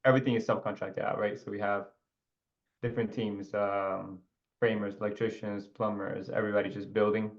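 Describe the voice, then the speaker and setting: A young man from Ecuador talks as a guest over a video call. His voice sits low and stays fairly level, with easy, meandering phrasing full of fillers. The audio comes through muffled and lo-fi. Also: brisk, vocal fry. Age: 20s. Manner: relaxed, rambling, with filler and restarts. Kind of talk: casual interview.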